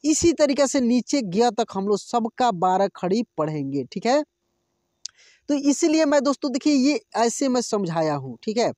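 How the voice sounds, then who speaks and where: A man's voice: extremely high pitch, big pitch swings, normal speed, darkish tone, dry recording, studio quality. A man teaching as a tutor, reciting syllables one by one and often addressing his listeners as friends. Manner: drills syllables aloud, frequent "friends" and "okay" asides. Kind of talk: slow syllable recitation lesson.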